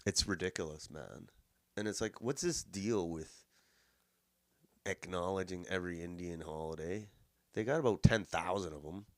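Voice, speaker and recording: Low-voiced man mocking politicians. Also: moderate pace, no room sound. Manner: mocking, swears, mimics politicians in a sing-song voice. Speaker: host. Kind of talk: casual political commentary.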